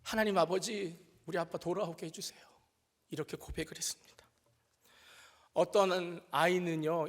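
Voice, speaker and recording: A male pastor preaching a sermon with animated storytelling, acting out the voices he quotes and joking at his own expense. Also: a little high. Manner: self-deprecating humor. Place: church sanctuary. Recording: reverberant church hall.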